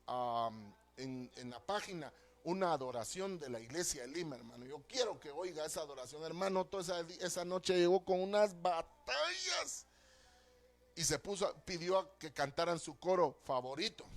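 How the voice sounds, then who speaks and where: A fervent male pastor with a Guatemalan Spanish accent delivers a sermon. His voice sits high for a man. He keeps turning to the listeners as brother. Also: expressive, normal speed. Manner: fervent preaching, often addressing listeners as brother.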